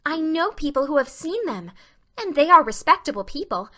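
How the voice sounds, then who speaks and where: Storybook heroine: imaginative, easily frightened young girl, impassioned and romantic, high and bright played by a woman. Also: big pitch swings, moderate pace. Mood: excited, fearful. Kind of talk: dramatic audiobook character reading.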